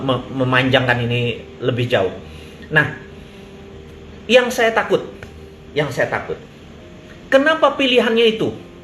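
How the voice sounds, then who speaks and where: A middle-aged man with an East Javanese Indonesian accent, giving a casual live-stream monologue. He talks bluntly, swears, mixes in slang and English words, and acts out quoted speech with big shifts in pitch. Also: a bit bright. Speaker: businessman giving an Instagram live talk. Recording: echoey room with faint ambient noise.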